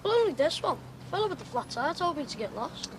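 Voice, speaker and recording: Shrill, cheeky street kid. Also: female voice, very animated, fast, a little hiss or hum.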